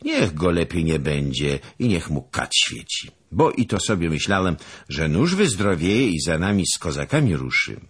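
A man's voice: low-pitched, very animated, normal speed, husky, full character voice. A man voicing a naive, eager young servant who tells his tale chattily and rises in surprise. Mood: explaining.

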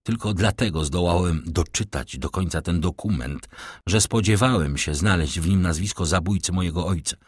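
A desperate young nobleman from a storybook begs for the truth in a low, husky voice, as a man reads him out. His talk is urgent and pleading. The sound is close and dry. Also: moderate pace, no echo. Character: distraught young nobleman seeking his father's killer.

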